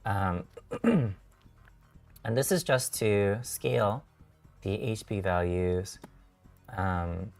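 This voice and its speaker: A man who is a software engineer, hosting a tutorial stream and explaining code step by step, halting with many fillers and self-corrections, his voice a little worn. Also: on the low side, fairly even intonation, far from the mic, faint music behind. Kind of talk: live-coding tutorial walkthrough.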